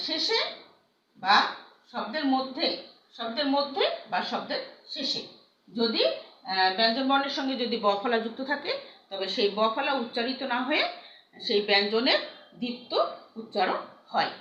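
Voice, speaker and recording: A woman teaching a grammar lesson, patient, repeating examples slowly with many fillers. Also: fairly high pitch, fairly bright tone. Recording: echoey room, dull lo-fi sound.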